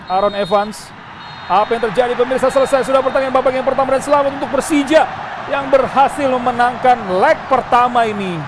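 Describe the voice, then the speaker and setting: An Indonesian man commentates on live football in a very high voice. His delivery is excitable and emphatic. Strong outdoor stadium noise runs behind him. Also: brisk. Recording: very noisy outdoor stadium sound.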